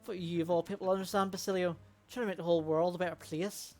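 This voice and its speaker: A woman voicing a bitter, vengeful killer in a game, telling grim things slowly, with faint music behind. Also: lowish voice, steady tone, darkish tone, natural voice.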